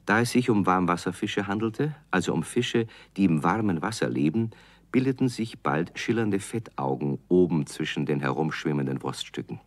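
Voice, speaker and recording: A man narrating a children's radio play in a calm, measured storytelling manner. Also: deep voice, dry recording.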